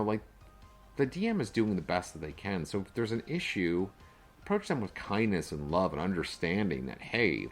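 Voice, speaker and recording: A man co-hosting a podcast in a casual, rambling chat, full of fillers and restarts. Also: on the low side. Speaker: podcast co-host and game master.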